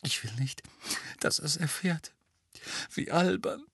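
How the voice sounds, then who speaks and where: A man putting on a sobbing, high-pitched anxious mother witch. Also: lively intonation, slow pace, a bit bright, slightly rough, no room sound, studio quality, full character voice. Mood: shaky, hushed. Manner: tearful, trembling, breaking into sobs. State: crying. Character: distraught motherly witch, middle-aged, anxious.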